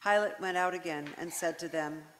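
Scripture narrator, steady reading, long church reverb. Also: mid-range voice, normal speed. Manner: steady, even reading aloud. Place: large church.

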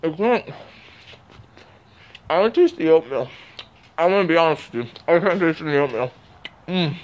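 A man's voice: a little high, expressive, moderate pace, lo-fi sound. A man talking while chewing during a casual food review, blunt and exclaiming at the taste.

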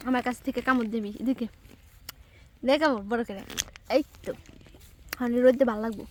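A woman chatting casually in a vlog, calling out lively, bossy instructions to children. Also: a little high, a little fast, a little hiss or hum. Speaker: vlogger. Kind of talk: casual outdoor vlog chat. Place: outdoors, dry rural field.

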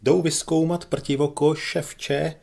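A man's voice: mid-range voice, animated, darkish tone. A man voicing a spiteful townsman with a piercing voice, sneering at a fellow citizen. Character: shrill spiteful male townsman.

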